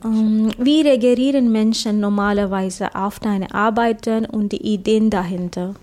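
Slow-spoken woman interviewer. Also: mid-range voice, fairly even intonation, a little mellow. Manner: slow, attentive, encouraging. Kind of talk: interview questions.

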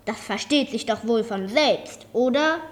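A woman voicing an indignant middle-aged man who runs a minigolf course and shouts angrily. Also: a little high, unhurried, close to an everyday voice. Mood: angry shouting. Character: angry middle-aged male minigolf owner.

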